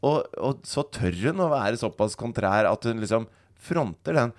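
A podcast co-host tells stories in casual, chatty banter, using fillers like "liksom". His voice is medium-pitched and expressive.

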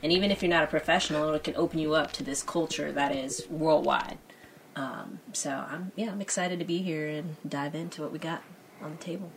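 A woman's voice: low-pitched, fairly even intonation, fairly quick, slight background noise. A woman who coaches soccer, speaking with passion and enthusiasm as a podcast guest. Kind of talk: casual interview.

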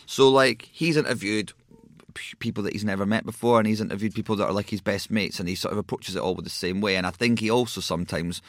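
A man's voice: fairly low pitch, quick pace, dry recording. A man co-hosting a podcast, rambling enthusiastically in casual chat. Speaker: podcast co-host.

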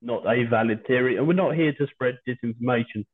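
A British man hosting a podcast in casual, rambling, hesitant chat with dry humour, recorded at home over a low-quality video call. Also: fairly quick, breathy edge. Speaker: podcast host. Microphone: video call without his usual microphone. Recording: low-quality online stream, phone-like sound.

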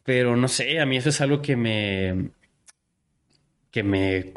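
A man's voice: mid-range voice, slow. Slangy man hosting a podcast. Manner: slangy, stammering restarts. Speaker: podcast host. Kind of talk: casual podcast conversation.

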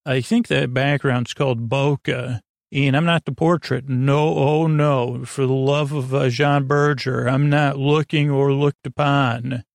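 A male podcast host with a creaky, gravelly, mid-range voice rambles through a bedtime monologue meant to help listeners fall asleep. His intonation stays fairly even as he drifts along haltingly and tangentially, leaving sentences unfinished. The recording is dry and studio quality.

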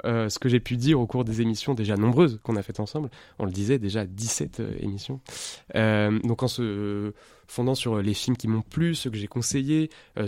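A man's voice: medium pitch, darkish tone, no room sound. A man giving a radio film review in the studio, earnest and hesitant, with many filler sounds. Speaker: film critic. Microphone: studio microphone.

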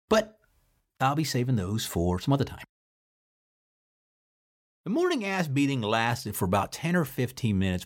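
A man telling his own story in a casual podcast, animated and freely swearing. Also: mid-range voice. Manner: animated, swears freely, acts out shouted drill orders. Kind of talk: casual first-person storytelling.

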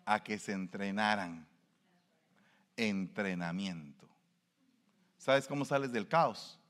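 A pastor preaches a sermon in a colloquial, emphatic style packed with rhetorical questions. His voice is medium-pitched and a bit bright, carried by long hall reverb.

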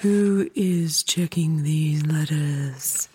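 A woman's voice: lowish voice, takes it slowly, warm tone, a little hiss or hum. A woman playing a middle-aged radio love-letter hostess with a theatrical manner, gracious on air and snippy off it. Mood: snippy, muttered. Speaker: radio show host. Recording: music behind the voice.

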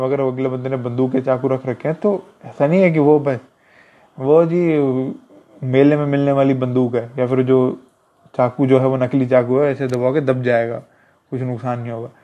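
A man talking casually about self-defense as an instructor, repeating himself and calling the listener brother. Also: medium pitch. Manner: conversational, repetitive, addresses listener as brother. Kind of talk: casual advice talk. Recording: dull lo-fi recording.

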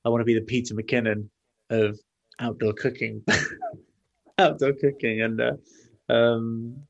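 A man as a podcast guest, telling long stories in an animated way with many restarts and asides. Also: medium pitch, measured pace, creaky, muffled recording. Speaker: guest, outdoor cooking video maker. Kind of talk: casual podcast interview.

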